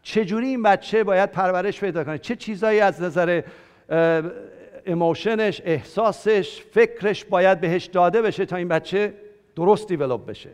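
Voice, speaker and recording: An older male pastor preaching a conversational sermon, lively, questioning his congregation and joking with them. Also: high-pitched, clear, resonant tone. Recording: long hall reverb.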